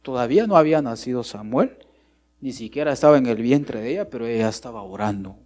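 Expressive Guatemalan preacher, emphatic and lively. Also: male voice, mid-range voice, quick pace. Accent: Guatemalan Spanish. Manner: emphatic, repeatedly addressing listeners as brother. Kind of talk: sermon.

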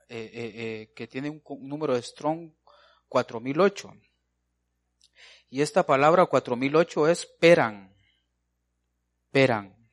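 A man preaching a folksy sermon, calling listeners brother and answering his own questions. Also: fairly high pitch.

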